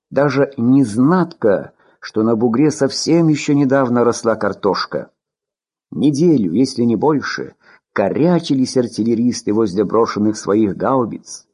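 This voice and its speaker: A man reading war prose aloud as an audiobook narrator, in an expressive storytelling manner. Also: mid-range voice, breathy edge.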